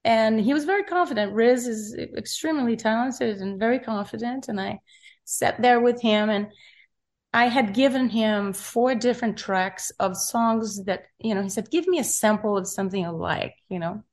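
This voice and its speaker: Woman, middle-aged, soft-spoken, halting, reflective interview talk. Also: on the high side. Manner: soft-spoken, searching for words, many fillers. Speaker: recording artist interviewed.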